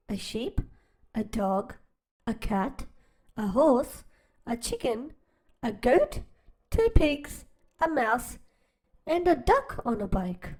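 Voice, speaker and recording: A woman reading a children's picture book aloud, unhurried and slow. Her pitch is on the high side and moves a lot, rising and falling with the story. She asks gentle, teacher-like questions between pages. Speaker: storytime channel host.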